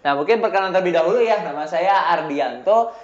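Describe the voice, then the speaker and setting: A man's voice: sits high, animated, fast talker. Chatty young man hosting, roomy lo-fi sound. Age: 20s. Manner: chatty, many fillers, laughs often. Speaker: host. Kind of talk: casual podcast chat.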